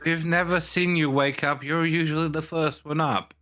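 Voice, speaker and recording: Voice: medium pitch, steady tone, normal speed, a bit bright. A person playing a tabletop role-playing game, bantering casually in character with the group.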